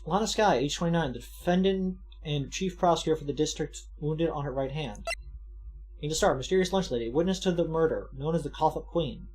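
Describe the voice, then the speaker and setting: A woman's voice: low voice, a little fast, darkish tone, rough recording. A woman in a casual video game playthrough, chatting and reading aloud from the game.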